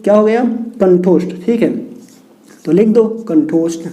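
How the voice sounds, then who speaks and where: A man teaches a grammar lesson at a board. His voice is mellow and dark, and he keeps repeating points, asking questions and then answering them himself. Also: sits high, normal speed. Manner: repetitive, asks and answers own questions. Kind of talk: whiteboard lecture with mnemonics.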